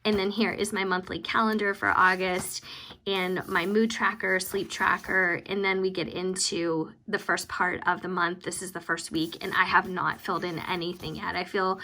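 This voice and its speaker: A woman vlogger giving casual, rambling, self-deprecating commentary as she works, with vocal fry at the ends of her phrases. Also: fairly low pitch, little pitch movement, moderate pace, bright, forceful tone, rough recording. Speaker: planner vlogger hosting budget updates. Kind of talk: casual chatty voice-over commentary while working.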